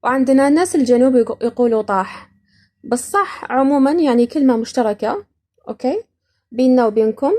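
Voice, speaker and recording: A woman's voice: sits high, fairly quick, long pauses, mellow. A woman from Iraq hosting a podcast, casually explaining words and laughing often between points. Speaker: podcast host.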